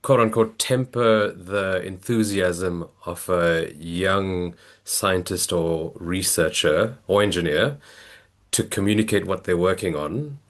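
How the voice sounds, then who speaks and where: A man's voice: sits low, slow pace. A man asking a long question on a video call, hesitant and self-deprecating, with many restarts. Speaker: audience member asking a question. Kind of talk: rambling question in a webinar.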